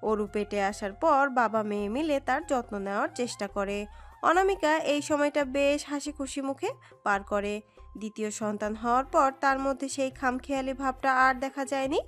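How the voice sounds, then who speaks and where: A woman reading a romantic story aloud in an expressive, dramatic narration. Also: high voice, normal speed. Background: soft background music.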